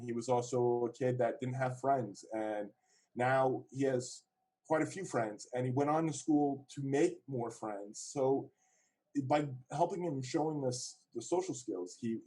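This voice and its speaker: Mellow-voiced man presenting with many fillers. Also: medium pitch, husky, low-quality recording. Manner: halting, with many fillers and restarts. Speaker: program co-founder presenting. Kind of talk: online presentation talk.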